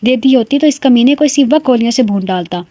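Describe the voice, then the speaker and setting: A stern young village man, fierce in protecting his family's honour, speaks forcefully, as a woman reading a story puts him on. The voice stays high and close with no room around it. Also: expressive, no room sound. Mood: furious.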